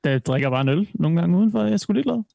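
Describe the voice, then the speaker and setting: A man's voice: high voice, animated, vocal fry, no echo, dull audio. A man co-hosting a podcast in casual chat, laid-back and laughing as he rambles through anecdotes. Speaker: podcast co-host.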